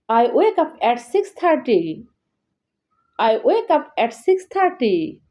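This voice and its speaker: A woman teaching English, saying each practice line twice in a slow, deliberate way for beginners. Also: on the high side, dark tone, dull audio. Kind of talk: slow repeated dialogue drills for learners.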